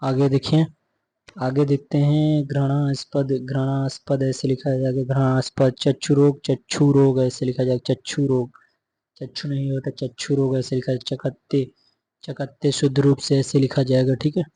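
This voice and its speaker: A man's voice: medium pitch, completely flat delivery, normal speed, mellow, a little hiss or hum. A man teaching a methodical exam-prep spelling lesson, repeating each word and checking in often. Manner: repetitive, methodical dictation with frequent "theek hai" check-ins.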